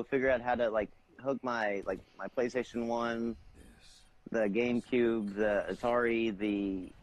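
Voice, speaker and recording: A man's voice: on the low side, low-quality recording. A man co-hosting a gaming podcast, telling stories in a rambling, profane way. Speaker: podcast co-host. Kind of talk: casual gaming chat.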